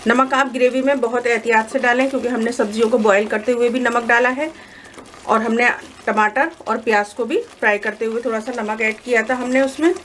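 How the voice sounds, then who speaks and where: A woman with a slightly high voice guides listeners through a recipe at an even, measured pace. Her tone is calm and instructive. Faint kitchen noise sits behind her. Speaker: cooking channel host. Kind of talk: step-by-step recipe voice-over. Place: home kitchen.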